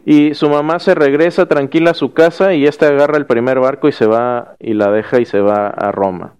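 A male teacher telling a story to his class in a lively way, acting out the quotes and adding a bit of folksy humor. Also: mid-range voice, moderate pace, clean tone, muffled recording.

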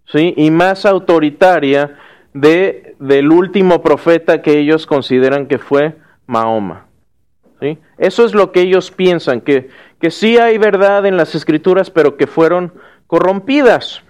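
Guy teaching a class, high clear voice, slow and talky, keeps going "sí?" and restarting words. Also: darkish tone. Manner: checks in with frequent "¿sí?" and restarts words. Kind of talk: classroom lecture with questions to students.

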